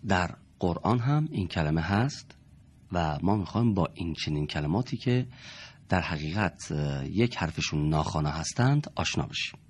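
Husky-voiced male teacher. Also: deep voice, expressive. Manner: patient, explains step by step, repeats key terms. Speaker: Quran reading teacher. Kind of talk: classroom lesson.

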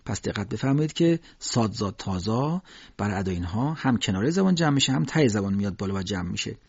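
Husky male Quran recitation teacher. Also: lowish voice, animated, dry recording. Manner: explanatory, patient, many hesitation fillers. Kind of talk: spoken lesson with slow recited examples. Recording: dull, dry lo-fi recording.

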